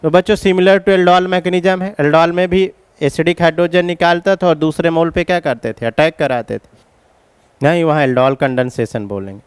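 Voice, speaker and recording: A man lectures on chemistry, walking his students through each step of a reaction and coaxing them to keep up. His voice sits fairly high for a man and comes through smooth and crisp. The sound is dry and close, with little room around it. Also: steady tone, moderate pace, no room sound. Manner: explains step by step, addresses students as children. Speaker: chemistry teacher. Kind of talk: classroom lecture at a board.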